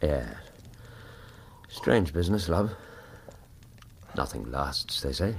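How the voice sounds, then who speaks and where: An actor playing a kindly, concerned English doctor and loyal companion in a radio drama, with a hesitant, gentlemanly manner. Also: male voice, rumbling low, animated, slow pace, vocal fry, slight background noise, heavily acted. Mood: gently wry.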